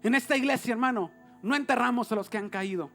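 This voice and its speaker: A man with a Mexican Spanish accent, preaching a sermon as pastor, dropping to hushed murmurs and rising to shouted exhortation. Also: very high-pitched, fast talker, vocal fry, faint music behind.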